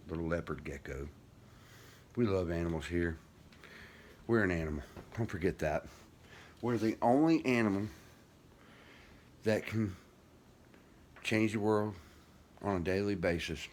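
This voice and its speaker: A guitar vlogger, older and deep-voiced with no teeth, rambles casually with soft-edged diction and a folksy, self-deprecating manner. You can clearly hear background noise and the ambience of the room.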